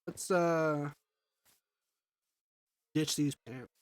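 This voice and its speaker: Speaking extremely slowly in a slightly high voice, a livestream gamer offers casual commentary while building in a block game. He's congested from allergies and thinks aloud as he goes, with slight background noise present.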